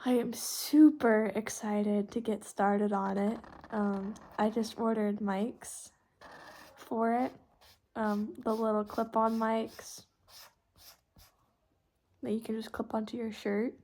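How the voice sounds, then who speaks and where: Taking her time, a teenage girl from Texas, United States, rambles casually as a podcast host while she colors. Her voice is a little high and dark with fairly even intonation, her manner youthful and informal, and pencils and markers scratch on paper in the background.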